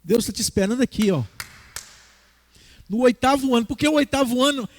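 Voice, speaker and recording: A man preaching a sermon as a pastor in a church, animated, acting out the voices in his teaching. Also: very high voice, a little fast.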